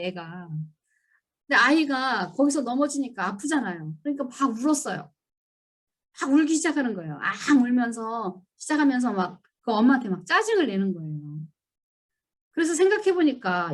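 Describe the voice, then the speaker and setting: A woman giving a church seminar lecture, telling stories and acting out scolding lines in an animated way. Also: fairly high pitch. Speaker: seminar speaker.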